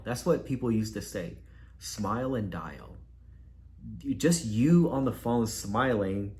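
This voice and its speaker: A man speaks casually at home, talking to the camera in a conversational flow. His voice sits a little low for a man. He trips over his words and repeats them as he works through his points. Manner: conversational, loose, with filler and repeats. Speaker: vlogger giving career advice. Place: at home, with laundry machine nearby.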